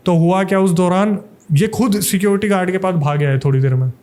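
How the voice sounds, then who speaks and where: A man's voice: high-pitched, a little fast, a little mellow. A young man from Delhi, a paranormal investigator, telling a suspenseful ghost story in a casual podcast interview.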